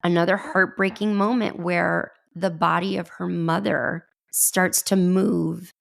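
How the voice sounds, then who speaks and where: A woman's voice: lowish voice, fairly even intonation, a little slow, vocal fry. A woman co-hosting a podcast, retelling a film scene in casual chat, so moved that she nearly cries. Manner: emotional retelling, voice catching near tears. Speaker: podcast co-host.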